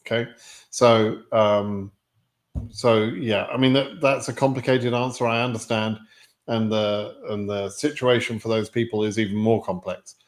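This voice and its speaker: A man's voice: on the low side, steady tone, a little slow. British man in his sixties, plainspoken. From United Kingdom. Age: 60s. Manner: rambling, frequent ums and restarts, frank and plainspoken. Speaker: immigration lottery advisor hosting a live stream. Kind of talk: live stream Q&A, reading viewer questions.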